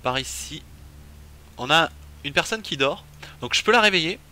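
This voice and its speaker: A man's voice: on the high side, lively intonation, normal speed, bright, forceful tone. A man streaming a game, commenting casually and thinking aloud with many fillers. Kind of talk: casual let's-play commentary.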